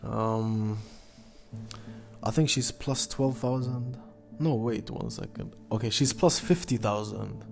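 A man hosting a casual solo sports betting podcast in halting, hesitant speech, often stopping and repeating himself. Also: lowish voice, gravelly, darkish tone, soft background music. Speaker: podcast host.

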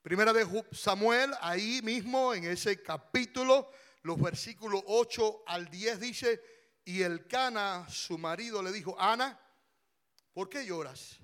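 A man preaching a passionate sermon as pastor, rising to shouts and drawing his words out slowly. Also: sits high.

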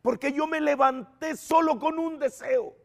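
A middle-aged man, a preacher, telling his personal testimony in an earnest, animated storytelling manner. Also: very high voice, unhurried, vocal fry.

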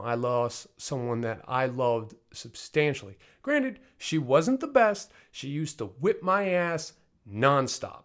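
A man in his thirties speaks candidly as a podcast host, in a loose, rambling monologue. He talks in a middle pitch and keeps correcting himself and filling pauses as he goes. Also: fairly bright tone. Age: 30s. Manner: candid, rambling, frequent fillers and self-corrections. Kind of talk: casual personal monologue.

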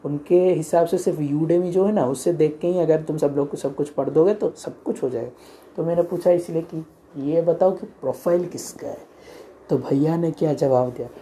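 Mellow-voiced young man telling funny stories. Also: fairly high pitch, normal speed, a little hiss or hum. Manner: rambling, chatty, mixes in English phrases and many self-corrections. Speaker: comic storyteller. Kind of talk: casual comic storytelling vlog.

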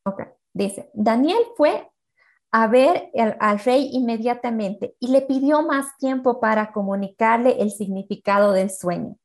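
A woman's voice: a little high, measured pace, a little mellow. A woman teaching a Bible story as a sermon. She tells it like a storyteller, acts out quoted speech, and often checks in with tag questions.

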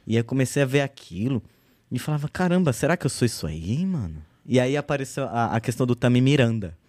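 A man in his thirties, a guest artist in a relaxed podcast chat, telling his story with slang and lively quoted speech. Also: medium pitch, fast, no room sound. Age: 30s.

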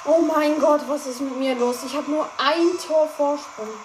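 A high-voiced woman commentating her own gameplay, excitable and quick to shout at every goal or miss. Her voice bounces around an echoey room. A clear layer of background noise runs underneath. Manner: excitable, shouts and cries out at plays, chatty asides to listeners. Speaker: gaming streamer.

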